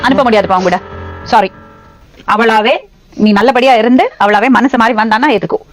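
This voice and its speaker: A woman's voice: a little high, a little fast, soft background music. A woman with a Tamil accent, hosting a family dispute show and firmly counselling a couple. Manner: firm, instructive. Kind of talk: firm counselling talk.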